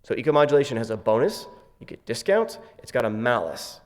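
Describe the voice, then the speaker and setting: A man's voice: mid-range voice, sing-song, brisk. A man giving a conference presentation in a casual way, with many fillers and wry asides. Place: conference session room. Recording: long hall reverb.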